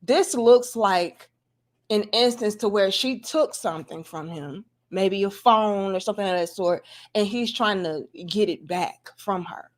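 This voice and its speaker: A woman's voice: medium pitch, a little slow. A woman hosting a casual opinionated livestream, skeptical and emphatic, with sarcastic exposé-style commentary and colloquial address to her viewers. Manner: skeptical, sarcastically mimics opposing views; emphatic, punchy delivery with rhetorical questions. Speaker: livestream host.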